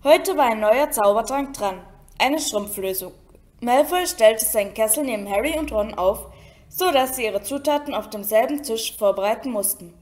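A woman reading a children's novel aloud in a steady storytelling manner. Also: fairly high pitch, moderate pace. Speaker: audiobook reader.

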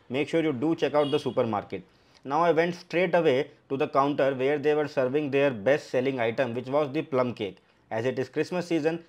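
A man's voice: medium pitch, a little mellow. Upbeat young man vlogging food. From India. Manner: upbeat, enthusiastic. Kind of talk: food vlog narration. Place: bakery and street outdoors.

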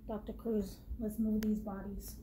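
A woman's voice: mid-range voice, little pitch movement, measured pace, distant mic, natural voice. A woman playing an urgent medic in an amateur found-footage zombie drama. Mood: businesslike. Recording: echoey room, off-mic, clear noise.

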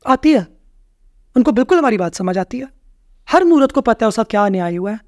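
A woman's voice: fairly high pitch, expressive, a little fast, darkish tone, no echo, clean studio sound. A woman, a guest on a podcast, speaking emphatically in conversation and driving her points home with rhetorical questions and repeated phrases. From Pakistan. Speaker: podcast guest, rights activist. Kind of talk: conversational interview.

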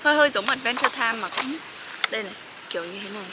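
A woman's voice: a little high, animated, quick pace, very noisy. A young woman from Vietnam chatting casually in a student vlog, with lots of fillers and frequent laughs. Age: young adult. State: sleepy. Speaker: vlogger, master's student.

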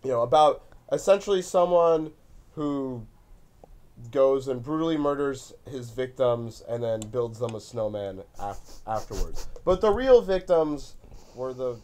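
A man's voice: mid-range voice, animated, a little slow, warm tone. A man in his twenties, tipsy, giving a casual comedic movie review on a living room couch. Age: 20s. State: drinking, tipsy. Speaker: film reviewer, host. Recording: noisy living room recording.

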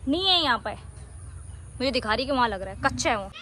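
A woman's voice: a little high, animated, quick pace, sharp tone. A young woman vlogging casually at home, chatting and scolding her children as she films around the house and yard. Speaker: vlogger and mother. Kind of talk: casual home vlog chat. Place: home and yard, outdoors and indoors. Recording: noisy phone recording.

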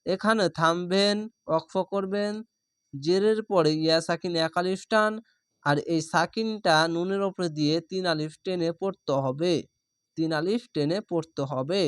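Man, Quran reading teacher, spells syllables letter by letter, patient explaining, slightly high voice, dry close sound. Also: smooth, dry recording. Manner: spells out syllables slowly and methodically.

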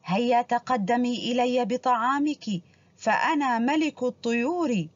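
A woman voicing a vain, boastful male peacock in a slow, drawn-out storybook reading. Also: a little high, no echo, lightly acted. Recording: dull lo-fi recording.

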